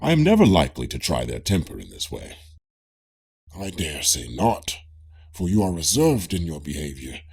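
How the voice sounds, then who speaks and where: A male audiobook reader gives a scripted reading of a classical dialogue. His voice is low and slightly rough, with lively intonation and a measured, formal delivery.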